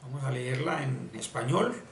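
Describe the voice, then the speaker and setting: A man teaching spiritual ideas in an explanatory lesson, talking slowly and deliberately and repeating words for emphasis. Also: medium pitch, lively intonation, gravelly. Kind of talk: explanatory screen-share lesson. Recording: echoey room, distant mic, faint hiss.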